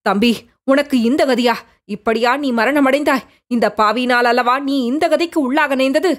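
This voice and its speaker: A woman's voice: sits high, moderate pace, natural voice. A woman doing a stern Buddhist monk. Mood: grieving. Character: older male Buddhist monk, scheming, stern.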